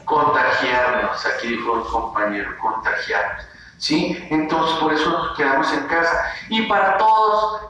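A male preschool teacher, teaching young children in an animated way and acting out feelings in playful voices. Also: on the high side, a little slow. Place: classroom. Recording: very echoey room, voice from a distance, faint noise.

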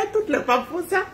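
A middle-aged woman hosting a live stream from home, chatting casually to her viewers, animated and laughing as she acts out family quarrels. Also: extremely high pitch, roomy sound, slight background noise. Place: at home, indoors.

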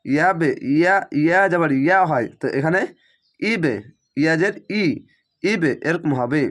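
A man teaching Quran recitation, breaking words into syllables and repeating them slowly, with a Bangladeshi Bengali accent. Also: fairly high pitch, a bit bright. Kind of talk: spelling-out Quran recitation lesson.

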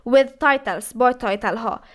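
A woman teaching an English lesson, reading English phrases slowly and then explaining each one. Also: a little high. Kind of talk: language lesson.

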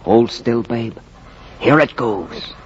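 Sammy the Whammy, slow ancient Brooklyn fanatic. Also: male voice, mid-range voice, animated. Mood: eerie, boastful. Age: older. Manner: theatrical, drawn-out, streetwise bluster. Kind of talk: 1940s radio acting in rhymed verse. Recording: muffled, hissy 1940s radio recording.

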